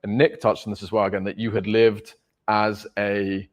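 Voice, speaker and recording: A man's voice: fairly low pitch, little pitch movement, normal speed. A man hosting a podcast, talking in a rambling, casual way, full of fillers and checking for agreement. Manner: rambling, filler-heavy, seeks agreement with "right?". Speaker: podcast host. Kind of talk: casual conversation.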